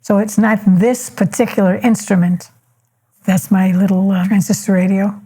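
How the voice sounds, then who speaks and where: An older woman speaking calmly and matter-of-factly, reflecting on her life and firm opinions in a measured way. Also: medium pitch, breathy edge. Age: older, 70s or above. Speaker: elder interviewee. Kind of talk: reflective personal storytelling.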